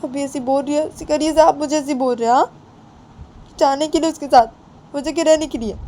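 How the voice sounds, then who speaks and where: A woman voicing an emotional young woman who pleads and refuses in a raised, high voice. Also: steady tone, brisk, warm tone, a little hiss or hum. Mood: pleading refusal. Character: young woman, tearful and clinging to her aunt.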